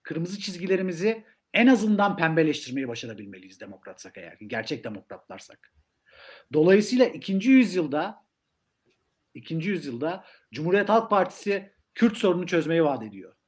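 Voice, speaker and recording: A man's voice: a little high, sing-song, fairly quick. A man speaking as an academic guest in a political discussion, making points emphatically with rhetorical repetition. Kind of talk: political discussion on a live stream.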